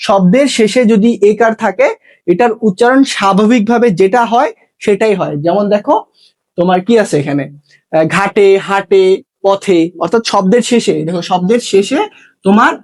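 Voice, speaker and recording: Man teaching a patient lesson. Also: high-pitched. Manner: patient, repeats each rule and checks in with "okay?". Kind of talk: online exam-prep lesson.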